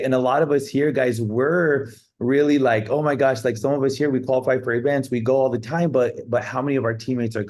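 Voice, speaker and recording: A man's voice: medium pitch, darkish tone. A man hosting a video call, introducing a guest speaker in a hyped-up way and tagging lines with "right?" and "guys". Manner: keeps saying "guys" and "right?". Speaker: host. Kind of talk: hype introduction.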